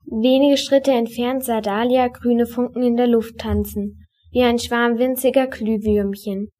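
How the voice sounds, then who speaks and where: A woman reading a children's story aloud in a calm, even storytelling voice. Her pitch sits a little high. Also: unhurried. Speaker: reader.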